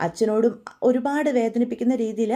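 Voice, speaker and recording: A woman's voice: a little high, fairly even intonation, a little fast, warm tone, close to an everyday voice. A woman voicing a guilt-ridden young wife who reproaches her scheming father. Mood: reproachful.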